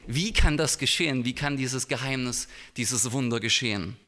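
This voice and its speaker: A man's voice: medium pitch, moderate pace, pushed and bright, lightly acted. A man voicing an old, literal-minded male teacher who asks incredulous questions, in a sermon reading. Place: church. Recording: long hall reverb in a church.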